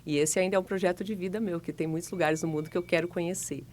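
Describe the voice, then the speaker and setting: A woman in her forties from Paraná, Brazil, a guest telling her story in a relaxed, chatty way with easy laughs. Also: on the low side, fast. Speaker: guest, financial consultant. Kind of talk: relaxed interview conversation.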